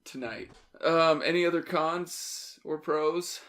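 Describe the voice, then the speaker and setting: A man with a crisp, bright tone and a rough fry in his voice talks through a movie in casual banter. He jokes, curses freely and laughs a lot as he hosts. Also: mid-range voice, animated, normal speed. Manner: joking, swears freely, laughs often. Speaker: podcast host. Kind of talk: casual movie review chat.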